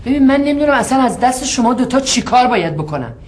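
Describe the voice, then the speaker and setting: An exasperated woman who presses for straight answers. Her voice is fairly high and swings widely in pitch. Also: sing-song, darkish tone. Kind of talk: TV series acting.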